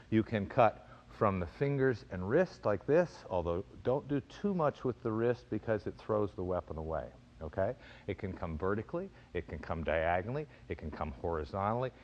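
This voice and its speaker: A man with a fairly low voice teaches fencing as an instructor. He explains each technique in measured phrases and gives crisp, clipped commands. The recording is a little dull and muffled. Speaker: fencing and self-defense instructor. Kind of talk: instructional demonstration.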